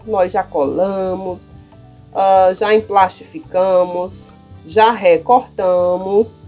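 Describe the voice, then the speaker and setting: In a casual, chatty how-to demonstration, a Brazilian woman who teaches primary school covers classroom material and frequently checks in with her listeners. She speaks with a Brazilian Portuguese accent in a mellow, mid-range voice.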